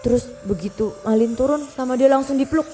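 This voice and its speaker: A young mother reads a folk tale aloud to her child, keeping it animated and interactive. Her voice is high and bright, and she often stops to check in with the listener. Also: fast talker, faint music behind. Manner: animated, asks the child questions. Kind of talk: bedtime storytelling to a child.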